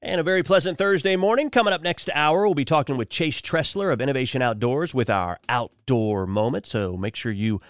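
A man's voice: medium pitch, brisk, few pauses, dry recording, clean studio sound. A man hosting a morning radio show in upbeat, folksy, exclamatory patter. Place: radio studio.

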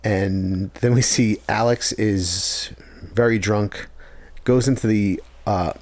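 Podcast co-host, male, lower pitch, dry close sound, chatty episode recaps. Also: steady tone, slow pace, a little mellow, dry recording. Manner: long plot recaps with fillers. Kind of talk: casual chat.

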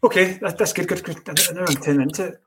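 Man, podcast host, upbeat and playful, slightly higher voice, faint background hiss. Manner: upbeat, playful, quick to praise. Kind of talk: casual chat.

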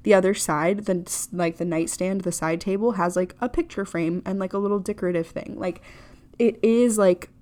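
A woman's voice: mid-range voice, steady tone, normal speed, warm tone. A young American woman hosting her own podcast, talking casually in a rambling, chatty way, full of "like" fillers and blunt swearing. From United States. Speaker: podcast host. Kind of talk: casual solo podcast chat.

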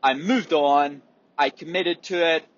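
A man with a husky, swollen-sounding sore throat, talking in a rambling, reflective, hesitant way on a casual solo podcast. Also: on the high side, a little slow, dull audio. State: sore, swollen throat, often needing clearing. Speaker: podcast host and athlete.

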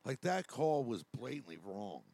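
Gravelly man trash-talking hotly. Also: medium pitch, sing-song, measured pace, warm tone. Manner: heated, insulting trash talk. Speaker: podcast co-host. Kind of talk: crude casual sports banter.

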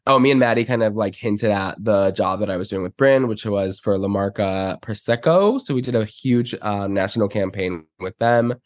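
Male podcast guest, lowish stuffy-nosed voice from a cold, slangy emphatic casual chat, dry sound. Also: moderate pace, few pauses, no echo. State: sick, congested stuffy nose. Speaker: podcast guest, celebrity stylist.

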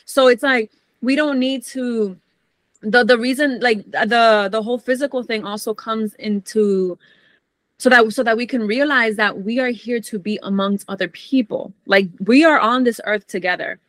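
A woman guest on a podcast talking in a casual, animated and blunt way, swearing freely. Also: a little high, normal speed, no echo.

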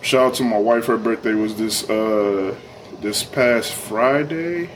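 A man's voice: fairly low pitch, takes it slowly, a little hiss or hum. A young adult man co-hosting a casual podcast, talking in laid-back slang and laughing often. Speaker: podcast co-host.

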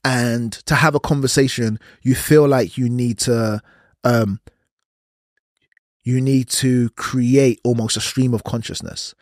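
A man's voice: medium pitch, fairly even intonation, takes it slowly, no room sound, studio quality. A man hosting a casual solo podcast, rambling and self-deprecating, often laughing at himself. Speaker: podcast host.

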